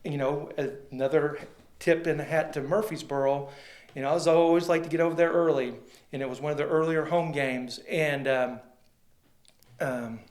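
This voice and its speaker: A man tells long, rambling stories as a guest, slipping into the voices of the people he quotes. His voice sits a little high for a man. The room rings with a clear echo around him. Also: steady tone, normal speed, a little mellow. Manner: rambling, folksy, acts out quoted dialogue. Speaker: sports photographer guest. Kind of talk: casual storytelling interview. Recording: roomy echo.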